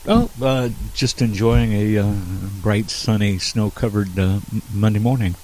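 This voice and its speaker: Low-pitched, halting man on a podcast. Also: darkish tone, slight background noise, low-quality recording. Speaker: podcast co-host. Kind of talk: casual podcast chat.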